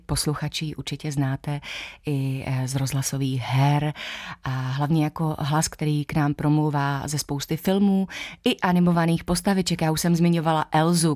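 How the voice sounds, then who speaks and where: A woman hosting a radio interview, introducing her guest and asking measured, prepared questions. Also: deep voice, a little mellow, no echo, clean studio sound. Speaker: radio host.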